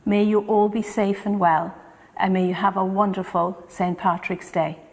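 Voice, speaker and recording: A woman's voice: medium pitch, little pitch movement, normal speed. A woman leading a community centre delivers a formal, scripted address of thanks. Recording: long hall-like reverb.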